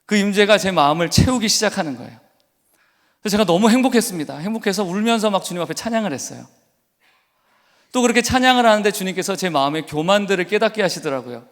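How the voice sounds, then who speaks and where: A man preaching a sermon as pastor, telling an emotional personal testimony and rising into fervent exhortation. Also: a little high. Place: church sanctuary. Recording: long church hall reverb.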